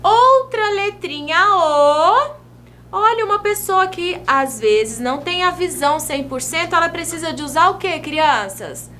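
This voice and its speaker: Animated high-voiced Brazilian teacher. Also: female voice, slight background noise. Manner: slow, sing-song teacher talk, stretching words as she writes. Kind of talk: children's video lesson.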